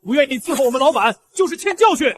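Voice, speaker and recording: A crude young thug with a very high, swooping voice, hurling insults quickly. He sneers at those he thinks are weak. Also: sing-song, a bit bright, heavily acted. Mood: sneering. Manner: sneering, then groveling. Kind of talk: short drama acting.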